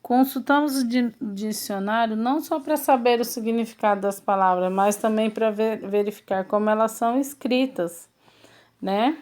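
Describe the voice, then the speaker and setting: A woman's voice: on the high side, moderate pace, darkish tone. A woman teacher with a Brazilian Portuguese accent, patiently walking pupils step by step through a textbook exercise and checking in with them often. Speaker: schoolteacher. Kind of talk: recorded remote lesson going through a textbook.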